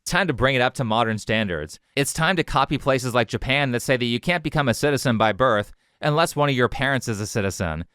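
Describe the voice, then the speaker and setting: Crisp, dry-voiced scornful male narrator. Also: medium pitch, lively intonation, quick pace, few pauses, a bit bright, dry recording. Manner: sarcastic, scornful delivery. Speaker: commentary host. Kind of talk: scripted commentary narration.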